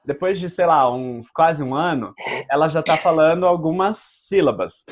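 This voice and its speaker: A man's voice: fairly high pitch, lively intonation, moderate pace, crowd noise. A man with a Brazilian Portuguese accent, hosting a casual debate and explaining his point patiently with examples. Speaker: host.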